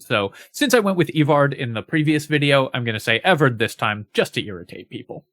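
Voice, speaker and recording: A man's voice: medium pitch, dry recording. Analytical man ranking spells, dry sound. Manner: analytical, steady with frequent fillers. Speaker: game guide creator. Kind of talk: casual spoken analysis.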